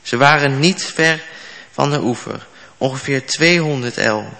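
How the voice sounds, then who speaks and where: Slow, bright-voiced man reading scripture. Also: mid-range voice, gravelly. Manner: measured and plain, with a few slips. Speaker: scripture reader. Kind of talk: Bible reading. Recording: long hall reverb.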